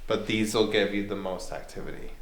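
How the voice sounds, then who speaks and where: Male tour guide, informal and deliberate, explaining things in a large reverberant interior. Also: fairly low pitch, fairly even intonation, gravelly. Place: large indoor castle rooms. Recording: echoey room with faint noise.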